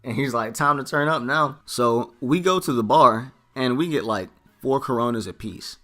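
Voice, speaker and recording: A man's voice: medium pitch, normal speed. A young man in his late teens or early twenties, a vlogger telling a story casually and acting out what people said. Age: young adult. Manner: animated, quoting himself and others in dialogue.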